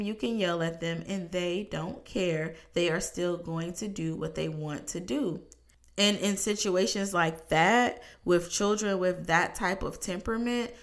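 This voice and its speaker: Woman talking about parenting, a bit low voiced, steady and emphatic, pausing on purpose. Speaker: parenting speaker. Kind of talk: earnest monologue on parenting.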